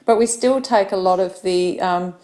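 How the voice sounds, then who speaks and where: A woman's voice: on the low side, normal speed, mellow. A middle-aged Australian woman, an English teacher, giving a practice speaking talk with many fillers.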